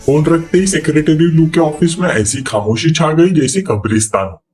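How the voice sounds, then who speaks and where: A man narrating a drama recap in a steady, plain storytelling manner. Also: on the high side, moderate pace. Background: faint music.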